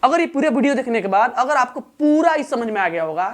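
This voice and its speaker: Female teacher, high-pitched voice, online lesson, patient, repetitive explaining. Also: big pitch swings, fairly quick. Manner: patient, repetitive explaining with frequent prompts to pay attention. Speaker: English pronunciation teacher.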